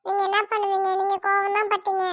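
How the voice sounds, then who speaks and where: A woman playing a high-voiced chatty young bride. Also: completely flat delivery, fast, a bit bright, muffled recording. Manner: chatty, playful. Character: young bride, emotional and teasing. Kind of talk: amateur family drama acting.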